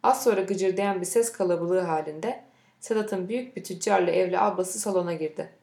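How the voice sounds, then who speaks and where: A woman reading a novel aloud in a steady, measured storytelling voice. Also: lowish voice, creaky, echoey room. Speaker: narrator. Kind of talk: scripted audiobook narration.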